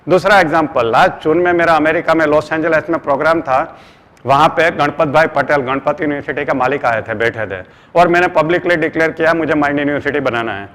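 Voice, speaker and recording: A man's voice: fairly high pitch, a little fast, a bit bright. A middle-aged man with an Indian accent, an earnest trainer giving a motivational seminar talk who calls his listeners friends. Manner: earnest, addresses listeners as friends, mixes English phrases. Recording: long hall reverb.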